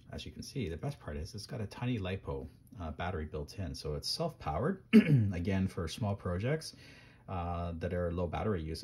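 A man's voice: rumbling low, a little mellow, husky. A man at his workbench casually showing microcontroller boards, rambling with lots of ums and restarts. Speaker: maker reviewing microcontrollers. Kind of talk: casual hands-on tech demo.

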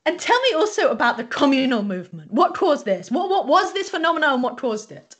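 An interviewer hosting an academic conversation poses long, probing questions, often restarting her words. Her voice is high, a little fast, with big swings in pitch.

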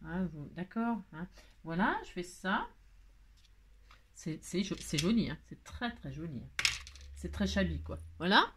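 A woman's voice: on the low side, expressive, a little slow, pauses often, fairly bright tone, slight background noise. A woman with a French accent hosting a card-making tutorial, chatting and thinking aloud as she works, with frequent delighted exclamations. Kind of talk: casual crafting tutorial.

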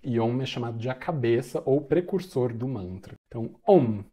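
Mellow-voiced monk explaining a mantra. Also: male voice, medium pitch. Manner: conversational, chants the mantra slowly in places. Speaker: Buddhist monk teacher. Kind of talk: casual explanatory teaching video.

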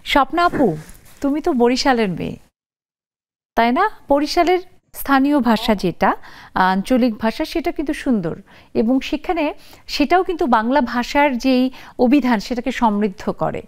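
Bright-voiced woman hosting a talk show. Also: sits high, lively intonation, moderate pace, pauses often. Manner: warm, inviting, addresses viewers and callers. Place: TV studio.

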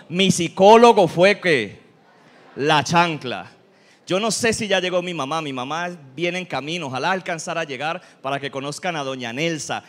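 A pastor delivers a lively sermon, mixing humor with earnest teaching. His voice sits notably high for a man. He keeps the congregation engaged with questions and jokes. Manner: humorous, animated preaching with audience questions.

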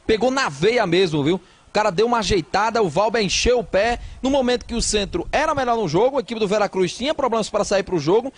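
A man's voice: sits high, expressive, fast talker. A man giving live football analysis, emphatic and repeating his phrases.

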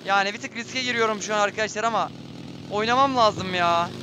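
Excitable high-voiced man commenting on gameplay. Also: a little fast, noisy background. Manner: excitable, swears and exclaims at deaths. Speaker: gaming streamer. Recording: game sounds and gunfire behind voice.

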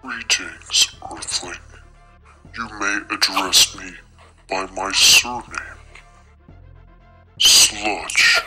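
A man voicing a boastful, pompous male alien looking for work, through a robotic, heavily bass-boosted voice effect. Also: drawn-out words, long pauses, bright, forceful tone, slightly rough, faint music behind, full character voice. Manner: grandiose, self-important boasting.

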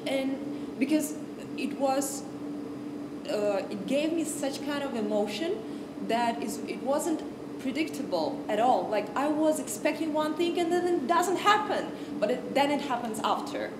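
A young woman from Kazakhstan giving an informal music talk to a class, in unhurried English, searching for words and restarting often. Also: fairly high pitch. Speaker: guest music lecturer. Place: large stage with piano. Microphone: far camera, no handheld mic. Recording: audible background noise on stage.

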